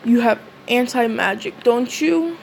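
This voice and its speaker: A woman's voice: on the high side, unhurried, vocal fry, darkish tone, slight background noise. A woman voicing a boisterous young male magic comrade with brash, bossy calls.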